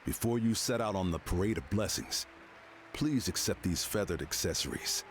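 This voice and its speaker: A man's voice: low voice, expressive, moderate pace. A man voicing a solemn, respectful ceremony official in a video game, speaking formally. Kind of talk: animated video game voice acting. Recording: music behind the voice.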